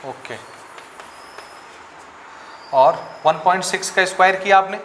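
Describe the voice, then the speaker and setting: A man teaches physics to a class in a slightly high voice, working numbers out aloud and asking students for answers. The room is echoey, with faint noise behind him. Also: unhurried, fairly bright tone. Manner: asks students questions, works sums aloud. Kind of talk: classroom lecture.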